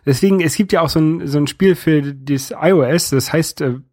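A man in his thirties chatting casually as a podcast co-host, explaining things haltingly with pauses. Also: fairly high pitch, a little mellow, dry recording, clean studio sound. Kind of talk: casual chat about video games.

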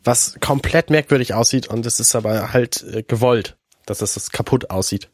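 A man's voice: medium pitch, moderate pace, no echo, studio quality. A man in his thirties with a congested, stuffy-nosed voice, chatting casually as a podcast co-host and sometimes searching for words. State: stuffy nose from being ill, sounds congested. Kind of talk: casual chat about video games.

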